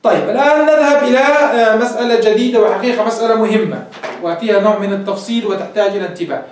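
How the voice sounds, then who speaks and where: A man's voice: high voice, rapid-fire, a little hiss or hum. A man teaching grammar in a classroom lecture, explaining step by step and quizzing his students. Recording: echoey room, voice from far off.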